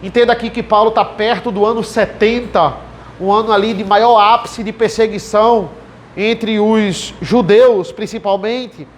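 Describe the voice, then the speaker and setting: A man's voice: high-pitched, fairly even intonation, unhurried, slight background noise. A man, a pastor preaching an expository sermon who reads verses aloud and then explains them.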